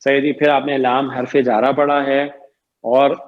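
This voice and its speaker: A man's voice: mid-range voice, flat delivery, narrow, tinny audio. A man teaching Arabic grammar in an online lecture. He stretches out key terms and keeps quizzing his students. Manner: repeats "ٹھیک ہے جی" and "صحیح ہے جی" often.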